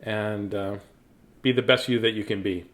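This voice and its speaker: This bedtime story reader and host talks to his live viewers in a casual, rambling, self-deprecating manner. His voice is lowish and a bit bright, with a steady tone and moderate pace.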